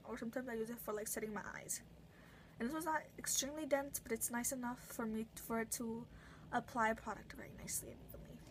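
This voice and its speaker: A woman's voice: fairly high pitch, rough recording. Young woman chatting through her makeup brushes, lots of ums and restarts, a bit of hiss. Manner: chatty, rambling with many fillers and self-corrections. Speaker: beauty vlogger. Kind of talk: casual makeup brush review.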